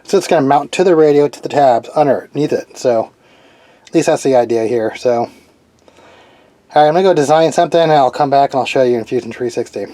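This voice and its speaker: This DIY radio hobbyist speaks in a brisk, dark-toned mid-range voice with no echo, loosely describing his hands-on build without a script and musing aloud as he goes. Background noise is clearly audible.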